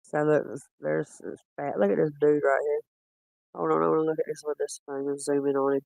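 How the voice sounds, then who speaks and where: A man chatting casually while reviewing footage, rambling and quick to laugh. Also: on the high side, flat delivery, creaky, a little mellow, no echo. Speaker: cryptid-hunting streamer.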